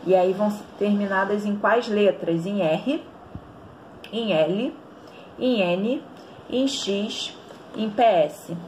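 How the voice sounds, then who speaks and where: A woman's voice: mid-range voice, slow pace, pauses often, darkish tone, slight background noise. A woman with a Brazilian Portuguese accent teaching an online grammar lesson, explaining step by step and often checking in with the students.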